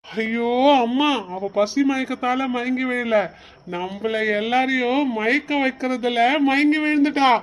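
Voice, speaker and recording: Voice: sits high, unhurried. A performer voicing a playful young husband in a cartoon, teasing his family before the big news. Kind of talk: cartoon voice acting.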